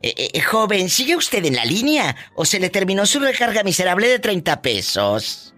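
A man's voice: high-pitched, huge pitch swings, moderate pace, bright, forceful tone, slight background noise. A man hosting a call-in radio show, teasing and dramatic. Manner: theatrical, gasps and teasing exclamations. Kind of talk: playful radio call-in banter.

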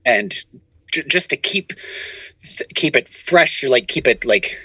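In a casual interview chat, an improv comedian and producer appearing as a podcast guest rambles and self-corrects, stumbling through repeated false starts from his home studio. He speaks slowly in a medium-pitched, expressive voice that's bright and forceful with a breathy edge, and there's no echo.

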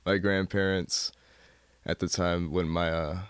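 A man's voice: low voice, level tone, measured pace, clear, resonant tone, no echo. A young man from Michigan, a guest in a casual interview, talking in a rambling way with lots of fillers and restarts. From Michigan, USA. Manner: rambling, many fillers and self-corrections.

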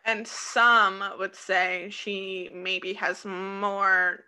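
A woman's voice: mid-range voice, little pitch movement, extremely slow, pushed and bright, clean tone. A woman with a Des Moines, Iowa accent, co-hosting a podcast with playful, teasing jokes. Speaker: podcast co-host. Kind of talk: casual comedic chat.

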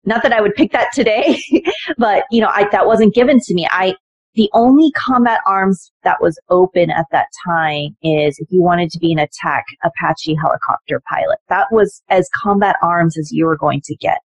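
A woman in her forties who serves as an Army officer tells stories as an interview guest, her fairly low voice breathy at the edges and recorded dry. She speaks at a moderate pace and animatedly acts out quoted dialogue with lively voices.

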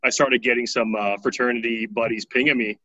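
A man's voice: mid-range voice, little pitch movement, brisk, pushed and bright, dry recording, highs cut off. A man in his thirties from Taiwan, telling his life story casually as an interview guest, often tagging his lines with "right?".

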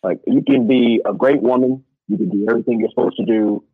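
A man's voice: medium pitch, slightly rough, no room sound. Man on a muffled underwater-sounding headset line. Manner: hesitant, halting with many fillers. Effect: muffled gurgling underwater-sounding audio. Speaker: podcast guest calling in. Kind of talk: casual opinion chat. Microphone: Bluetooth headset.

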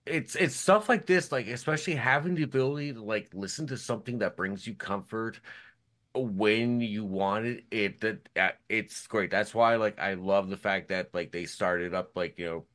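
A man's voice: lowish voice, moderate pace, fairly bright tone. A man on a podcast talking casually and rambling with many fillers. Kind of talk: casual chat.

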